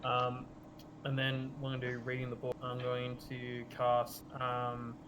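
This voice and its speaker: A man's voice: mid-range voice, completely flat delivery, a little slow. A man playing a tabletop role-playing game, casually and hesitantly describing what his character does. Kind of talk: casual improvised role-play talk. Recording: clearly noisy room recording.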